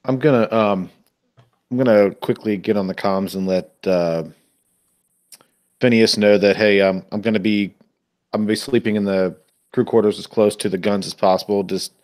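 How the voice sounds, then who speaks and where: A man's voice: on the low side, steady tone, a little mellow. A male player in a tabletop game, describing his character's actions and reading a backstory memory aloud, with some hesitation. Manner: halting, with fillers.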